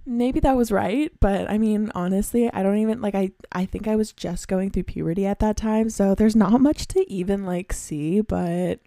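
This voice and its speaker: A young woman hosts her own podcast, rambling through stories in a giggly, self-mocking way. Her voice is mellow and gravelly with plenty of fry. The sound is dry and close. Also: mid-range voice, moderate pace, hardly any pauses, no echo. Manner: chatty, self-deprecating, giggly. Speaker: podcast host. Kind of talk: casual solo storytelling.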